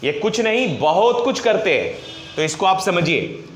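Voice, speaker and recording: A male teacher giving a grammar lesson at a board, asking and answering his own questions and slowly dictating example phrases. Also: high voice, big pitch swings, a little hiss or hum. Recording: echoey room.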